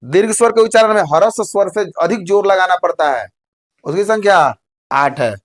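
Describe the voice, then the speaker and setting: A man's voice: sits high, expressive, normal speed. A man teaching a board exam lesson, who repeats his points and keeps asking the class whether they have understood. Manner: repeats points, checks with "samjhe?".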